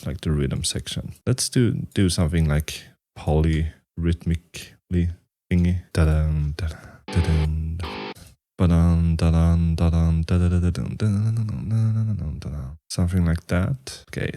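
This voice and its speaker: A man composing a metal song on his computer, talking through each step and humming out rhythms. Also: no room sound. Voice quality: very deep, gravelly voice. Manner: thinking aloud, humming and scatting rhythms. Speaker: musician and YouTuber. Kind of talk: casual talk-through while composing.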